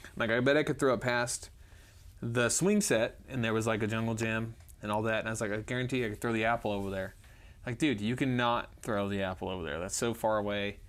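Animated man telling stories on a podcast. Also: lowish voice, brisk, smooth. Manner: animated, acts out other people's lines in quoted voices; laughs often while telling stories. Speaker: podcast co-host. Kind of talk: casual storytelling chat.

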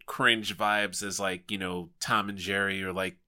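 A man co-hosting a podcast, talking casually about cartoons in a halting way, full of restarts. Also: deep voice, flat delivery, sharp tone. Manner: halting, many fillers and restarts. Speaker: podcast co-host. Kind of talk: casual film discussion.

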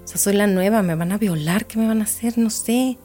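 A woman's voice: medium pitch, fairly quick, mellow, soft background music. A woman guest in a podcast interview, reflectively telling a personal story and repeating words for emphasis.

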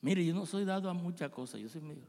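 A man preaches a sermon in short bursts, leaving gaps for his interpreter. His voice sits fairly high, and he keeps the tone playful and full of jokes. A long church-hall reverb trails every phrase. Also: lively intonation, vocal fry, darkish tone. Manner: playful, joking preacher who pauses for the interpreter. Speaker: pastor. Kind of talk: bilingual sermon with live interpreting.

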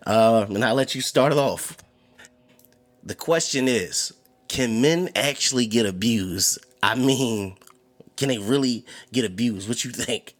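A man's voice: medium pitch, unhurried. Laid-back laughing male podcast host. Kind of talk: casual chat.

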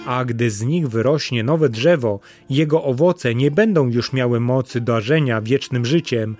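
A man's voice: mid-range voice, measured pace, a little mellow, faint music behind, lightly acted. A man voicing a loyal, wise female talking parrot who speaks in a courtly, imploring way. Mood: earnest.

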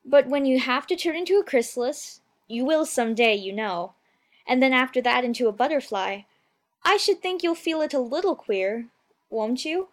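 A man's voice: very high-pitched, moderate pace, voice pushed up. A man voicing a polite, anxious little girl in a storybook, with a shy and hesitant way of talking. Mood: earnest. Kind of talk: storybook character voice.

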